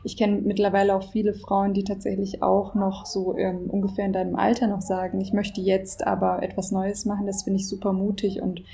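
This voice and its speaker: Gravelly, warm-toned woman interviewer. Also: mid-range voice, completely flat delivery, a little fast, hardly any pauses, a little hiss or hum. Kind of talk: conversational interview.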